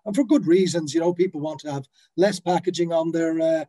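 This brewery founder, a man in his 50s who grew up in the Netherlands, talks fairly quickly with a fairly high, dark-toned voice. Hesitant, full of fillers and restarts, he is on a video call via laptop webcam from his office, where a brand banner hangs behind him.

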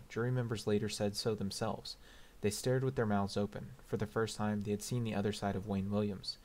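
A man with a fairly low voice narrates an audiobook. His reading is measured and steady, moving through the text at an even pace. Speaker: audiobook reader.

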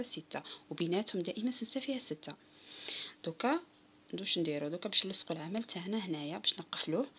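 A female crochet instructor with an Algerian Arabic accent walks viewers through a tutorial step by step, patiently counting stitches aloud and speaking directly to them. Her voice is lowish and fairly bright with a breathy edge.

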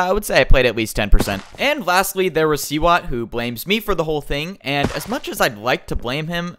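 A man's voice: mid-range voice, fairly bright tone, smooth. A man hosting a casual vlog, telling a story in a joking, mock-defensive, chatty way. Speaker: YouTuber host.

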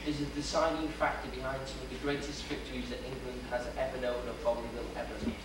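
Fast and level in tone, with a medium pitch, a young Welshman rattles through a theatrical, humorous history lecture in his Welsh accent. An audience watches in a lecture hall with a projection screen; the distant camera yields echo-laden, noisy old video.

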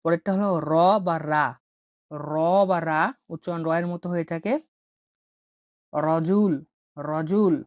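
A woman teaching a language lesson who says each example word slowly and repeats it several times. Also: low voice, darkish tone, dry recording, lo-fi sound. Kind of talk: slow instructional lesson.

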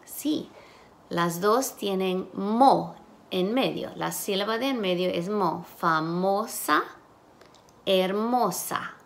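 A woman's voice: medium pitch, takes it slowly, vocal fry. A woman teacher giving a phonics lesson, sounding out letters and syllables one at a time.

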